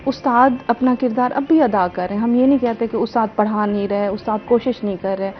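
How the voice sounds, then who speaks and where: A woman's voice: on the high side, steady tone, brisk. A woman with a Pakistani Urdu accent, a guest librarian earnestly explaining her points on a talk show. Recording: slightly dull broadcast audio with faint music.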